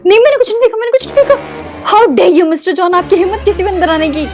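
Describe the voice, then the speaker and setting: A woman's voice: a little slow, highs cut off, over music, lightly acted. A woman voicing a proud, easily embarrassed young wife who scolds indignantly, in an amateur audio drama. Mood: shrieking. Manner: indignant scolding, shrill shouts.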